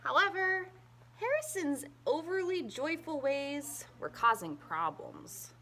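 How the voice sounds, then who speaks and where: A woman reading a children's picture book aloud in an expressive, emphatic storytelling manner. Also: high-pitched, slow, a little hiss or hum.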